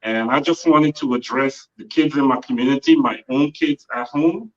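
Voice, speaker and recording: Man with a Guyanese background on a distant, dull phone mic. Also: medium pitch. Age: 40s. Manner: measured, trailing off with frequent uhs. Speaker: author guest. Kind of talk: interview answers. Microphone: phone held by another person.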